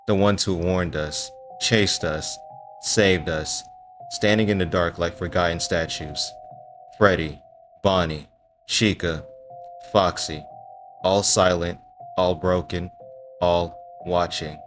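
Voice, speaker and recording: A man telling a first-person horror story in a hushed, suspenseful voice with dramatic pauses. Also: deep voice, fairly even intonation, faint music behind. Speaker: storyteller and voice actor.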